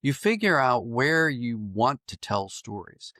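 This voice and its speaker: In a reflective interview, a Pennsylvania-born writer and audio drama producer talks as a podcast guest, explaining his thoughts carefully and sometimes repeating phrases while working out a point. His medium-pitched voice is sing-song, unhurried, and sharp. The sound is clean studio audio with no echo.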